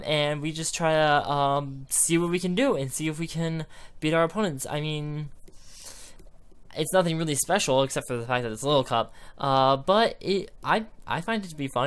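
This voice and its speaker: A man's voice: a little high, fairly bright tone, smooth. A man doing live commentary on an online game battle, thinking aloud in a rambling way and hiccuping now and then. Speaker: gaming YouTuber.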